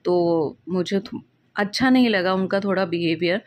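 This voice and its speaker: A woman's voice: lowish voice, moderate pace, a little hiss or hum. A woman casually telling a personal devotional experience in a meandering way, often restarting and correcting herself.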